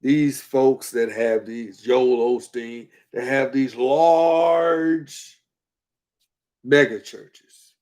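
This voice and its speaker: A man's voice: mid-range voice, fairly even intonation, drawn-out words, darkish tone. A man giving casual spoken commentary, emphatic and colloquial, repeating points for effect. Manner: colloquial, drops verbs and uses double negatives.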